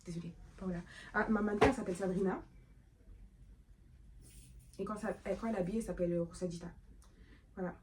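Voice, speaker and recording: Woman vlogging, just chatting and thinking out loud, lots of ums, a bit of faint noise behind. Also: mid-range voice, steady tone, fast, long pauses. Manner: rambling, thinking aloud with many fillers; playful self-talk. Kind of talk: casual vlog chat.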